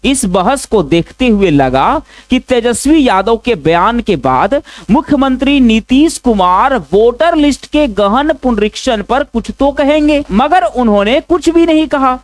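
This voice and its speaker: Brief: male commentator, high and animated, close dry mic, scripted questioning delivery. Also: unhurried, few pauses, no echo. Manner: pointed rhetorical questioning. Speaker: news commentator.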